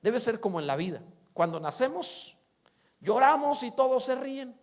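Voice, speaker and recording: A man preaching a sermon, animated, acting out quoted voices and swinging between loud exclamations and soft asides. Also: extremely high pitch, moderate pace. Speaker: pastor.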